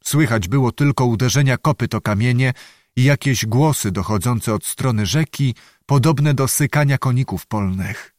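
A male audiobook narrator telling a historical tale in a measured, steady way. His voice sits at an ordinary middle pitch, recorded close and dry with no room sound. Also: dry recording.

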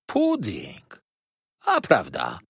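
A man voicing a loud, teasing young waiter. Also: medium pitch, sing-song, measured pace, slightly rough, dry recording, clean studio sound, full character voice. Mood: jovial, greedy. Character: chatty, boastful young male inn waiter. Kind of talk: audiobook character voice.

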